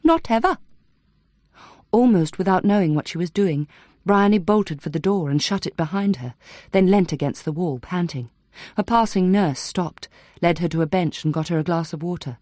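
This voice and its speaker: Audiobook narrator, woman, measured and even, low warm tone. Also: dry recording, clean studio sound.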